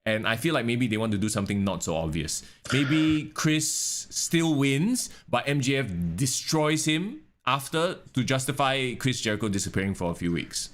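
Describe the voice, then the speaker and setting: Animated Singaporean man co-hosting a podcast. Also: medium pitch, normal speed, hardly any pauses. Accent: Singaporean English. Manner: sarcastic, animated, swears casually. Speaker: podcast co-host. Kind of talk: casual wrestling podcast chat.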